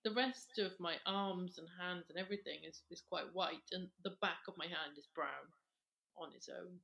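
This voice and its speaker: A woman in her thirties with a low, gravelly voice chats as co-host. She talks in a relaxed way and often repeats words while she works out what to say. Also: moderate pace. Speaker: podcast co-host. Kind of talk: casual chat about skincare.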